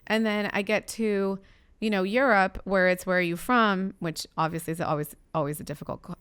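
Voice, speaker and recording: A woman's voice: mid-range voice, fairly even intonation, fairly quick, fairly bright tone, clean tone. A woman hosting a podcast interview, telling personal stories in a thoughtful, conversational way with frequent fillers. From United States. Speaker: podcast host.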